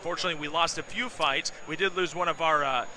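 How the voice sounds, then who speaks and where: A man's voice: fairly high pitch, quick pace, bright, forceful tone, rough recording. A man with an American accent leading live fight commentary, enthusiastic and emphatic. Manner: enthusiastic, emphatic, keeps handing over to co-commentators. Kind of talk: live sports broadcast commentary.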